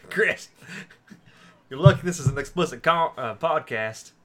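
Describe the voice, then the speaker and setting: A man's voice: on the high side, lively intonation, unhurried. A man co-hosting a podcast with casual, playful and teasing banter. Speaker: podcast co-host.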